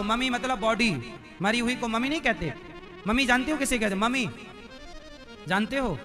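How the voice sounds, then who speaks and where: A man with a notably high voice delivers a devotional sermon. He keeps quizzing his listeners and scolds them in a preachy, teasing way. Devotional instrumental music plays clearly behind him. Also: bright, forceful tone. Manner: quizzes and teases the audience with questions. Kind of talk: devotional scripture discourse.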